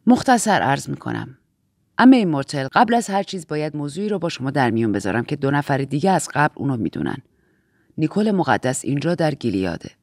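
A stern older matron in charge , as a female reader puts her on, her voice pushed well down into a low, grave register. She speaks in measured, clipped commands. The sound is dry and close, with no room behind it. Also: very animated, a little mellow, no echo, heavily acted. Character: stern, controlled older woman in authority. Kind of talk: audiobook character voice.

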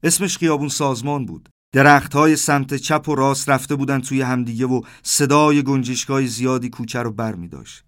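A man in his thirties tells a dreamlike first-person story in a steady, mid-range voice. His delivery stays plain through the narration, then grows more animated whenever he voices the back-and-forth of the characters. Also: mid-range voice. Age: 30s.

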